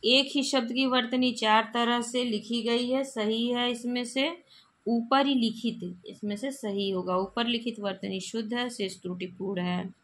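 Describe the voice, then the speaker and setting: A woman's voice: fairly high pitch, steady tone, unhurried, a bit bright, a little hiss or hum. A woman teaching Hindi grammar, reading out exam spelling questions and explaining the correct forms, often repeating them with the odd cough.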